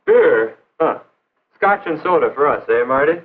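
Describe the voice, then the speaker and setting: A man's voice: a little high, animated, moderate pace, lightly acted. A man acting a pushy, cocky young teammate with a brash, goading manner in a 1950s educational film. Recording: noisy, phone-like 1950s film soundtrack.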